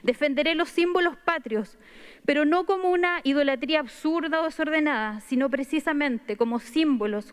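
A woman delegate with a Chilean accent giving a firm, measured formal speech read from notes at a podium microphone in a large wood-paneled assembly hall. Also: high-pitched. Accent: Chilean Spanish. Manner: firm, measured, reading from paper. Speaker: convention delegate.

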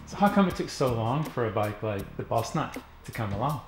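A man's voice: mid-range voice, lively intonation, a little fast. A man, a magazine reviewer presenting a bike and interviewing in a confident, chatty way. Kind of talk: presenter narration and casual interview. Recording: narration over background music.

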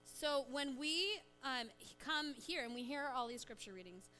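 A woman leading a children's sermon in a church, coaxing the children along with lively questions. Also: sits high, moderate pace, soft background music. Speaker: church children's message leader. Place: church sanctuary.

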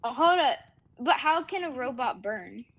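A woman's voice: high voice, animated, moderate pace, muffled recording. A woman chatting casually and playfully as she plays a video game with friends. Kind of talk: casual gaming chat.

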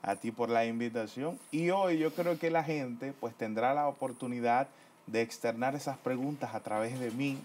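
A man's voice: medium pitch, moderate pace, a little mellow. A man interviewing a guest on a television program, asking his questions in a friendly, playful way.

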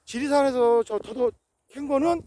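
A man in his forties with a very high, mellow voice talks at a moderate pace on a rocky hillside. His casual outdoor vlog has a preachy manner and frequent affirmations, and the recording is noisy.

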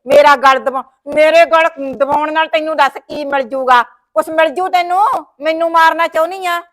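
A woman's voice: high voice, fairly even intonation, normal speed, fairly bright tone. A woman with a Punjabi accent playing a fretful sister-in-law who scolds and wails dramatically in a village short film. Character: fretful sister-in-law caring for her brother's wife.

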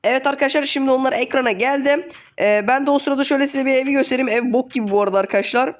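A man's voice: very high-pitched, rapid-fire. A man with a sick, worn voice giving casual let's play commentary, chatty and casually swearing as he keeps talking to his viewers. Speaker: gaming channel host.

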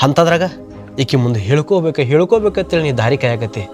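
A man's voice: a little high, lively intonation, fast, darkish tone, soft background music, lightly acted. A middle-aged man playing an earnest, scolding village father with a North Karnataka Kannada accent, protective of his daughter. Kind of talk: village short film acting.

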